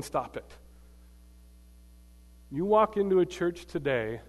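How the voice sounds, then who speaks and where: A man preaching a sermon to a live congregation, emphatic, swinging between loud bursts and quiet asides and quizzing the audience. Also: fairly high pitch. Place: large church hall. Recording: long hall reverb.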